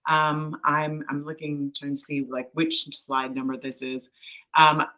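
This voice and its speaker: A woman's voice: sits low, level tone, measured pace, sharp tone, low-quality recording. A woman presenting an online fundraising workshop in a chatty, encouraging way, on a video call. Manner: chatty, encouraging, with light laughs.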